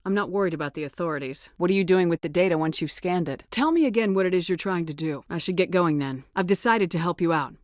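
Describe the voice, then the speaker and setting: A woman's voice: fairly low pitch, fast talker, hardly any pauses, dry recording, studio quality, lightly acted. A woman playing a resolute, no-nonsense military space commander in video game dialogue, with a direct, authoritative and controlled delivery. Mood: firm, questioning.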